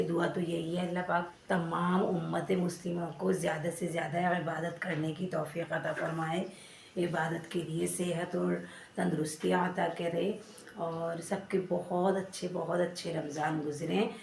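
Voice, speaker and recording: A woman's voice: lowish voice, flat delivery, unhurried, creaky, a little mellow, distant mic. A woman chats to her viewers as she cooks in a home kitchen at night, with pious asides between bits of everyday talk. Her voice bounces around a hard, echoey room, and a faint hiss sits under it. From Pakistan. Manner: chatty, pious, talks to viewers while cooking. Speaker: vlogger. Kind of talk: casual home vlog narration.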